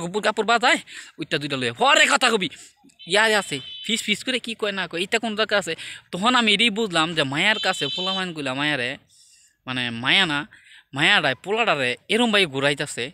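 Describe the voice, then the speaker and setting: Bright-voiced chatty man. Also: sits high, no echo. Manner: chatty and conversational, often drops into hushed tones, many fillers. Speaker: storyteller addressing viewers. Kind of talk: casual storytelling monologue.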